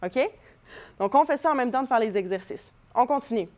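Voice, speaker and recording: A woman's voice: on the high side, expressive, brisk, a little mellow, lo-fi sound. Upbeat woman drama teacher. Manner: encouraging, demonstrates vocal exercises. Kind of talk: voice lesson for children. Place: living room at home.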